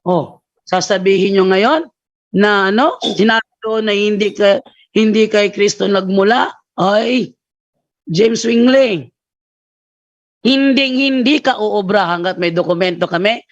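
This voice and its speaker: Man, priest host, hoarse, taunting, keeps repeating himself loudly, high voice, dull dry recording. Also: a little slow, dry recording. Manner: taunting, repeats rebuttals at a raised voice. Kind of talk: combative live apologetics commentary.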